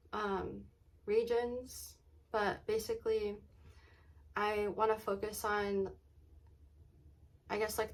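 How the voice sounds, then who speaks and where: A woman chatting casually in a vlog, often saying "like" and "um" and pausing to think aloud. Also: mid-range voice, low-quality recording. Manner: says "like" and "um" very often as filler; halting, thinking aloud, trailing off mid-sentence. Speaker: vlogger.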